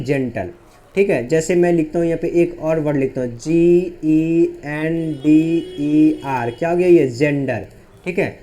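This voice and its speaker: A man teaching English phonics in a lesson, asking the class questions and answering them himself, spelling letters out slowly. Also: a little high, dark tone.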